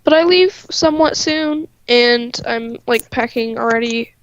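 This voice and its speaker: A woman's voice: on the high side, measured pace, dry recording. A woman chatting on a livestream with a stuffy nose and a nasal sound, laughing often and saying "like" a lot. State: stuffy-nosed, congested. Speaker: artist on a livestream. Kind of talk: casual chat. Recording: dry, dull lo-fi stream audio.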